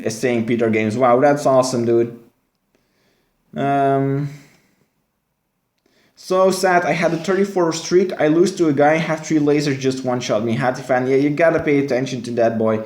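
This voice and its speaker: A young man from West Flanders, Belgium, speaks with a West Flemish accent in a mid-range, slightly mellow voice, with a bit of hiss or hum. He's casually live-streaming a mobile game, chatting with viewers and answering their messages as he plays. The room sounds echoey.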